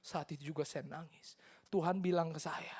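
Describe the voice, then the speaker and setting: A woman with an Indonesian accent giving an earnest personal testimony in church, switching between Indonesian and English and sinking into soft near-whispers. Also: sits low, steady tone, normal speed, husky.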